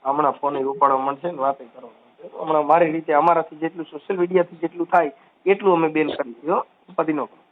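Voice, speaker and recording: Man, quick and high, reassuring phone advisor, tinny line. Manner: reassuring, repeats calming phrases. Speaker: social media activist taking calls. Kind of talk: phone call advice.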